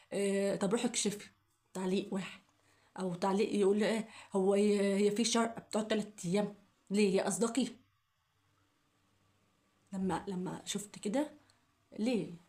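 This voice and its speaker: A young woman with an Egyptian Arabic accent speaks in a warm, medium-pitched voice during an emotional personal vlog. Upset and pleading, she keeps repeating her questions, and coughing fits break through her words.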